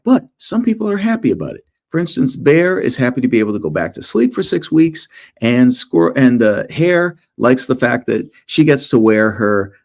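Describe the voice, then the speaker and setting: A man talks informally to students as a children's author and illustrator, telling stories with animation and poking fun at himself. His voice sits at a medium pitch with some vocal fry, and he speaks at a moderate pace.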